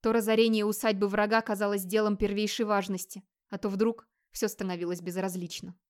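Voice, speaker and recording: A woman narrating a dramatic audiobook in a steady storytelling voice. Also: mid-range voice, brisk.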